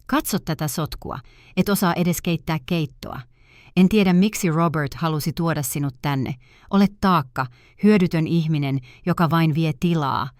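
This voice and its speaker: A woman's voice: sits low, a little mellow, no room sound, studio quality, lightly acted. A woman narrator reading the lines of a scornful, bullying daughter-in-law in a scolding storybook voice. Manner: contemptuous, scolding.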